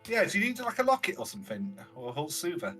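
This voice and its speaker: A man's voice: fairly high pitch, wildly swooping pitch, racing, music in the background. A man playing a tabletop game, bantering and stumbling over his words. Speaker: player. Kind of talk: tabletop role-play.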